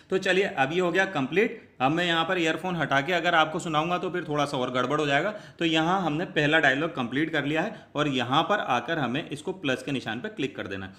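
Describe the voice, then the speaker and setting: Tutorial host, male, bright forceful voice, slightly high, patient click-by-click instructions. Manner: step-by-step instructions, addresses viewers as friends. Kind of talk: screen tutorial walkthrough.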